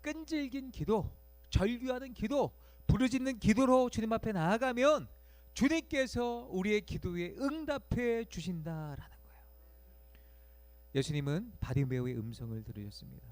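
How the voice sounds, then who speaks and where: A man preaching a sermon in church, going from quiet, low passages to loud, pleading cries and acting out voices in the story. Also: animated, normal speed, no room sound. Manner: dramatic, swings from soft to loud cries, acts out voices of crowd and bystanders. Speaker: pastor. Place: church sanctuary.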